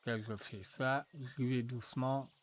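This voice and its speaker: A man walking viewers through a software tutorial, thinking aloud with frequent fillers and restarts. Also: medium pitch, steady tone. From France. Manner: slow, hesitant, thinking aloud with many fillers. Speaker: tutorial presenter. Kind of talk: screen-recorded software tutorial.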